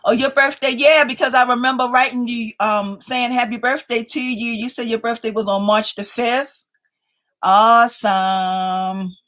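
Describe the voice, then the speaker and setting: Her voice sits on the high side, steady in tone and a bit bright, at a measured pace. A livestream host in her fifties, she chats playfully with viewers, reads their comments out loud, and calls them "y'all" again and again.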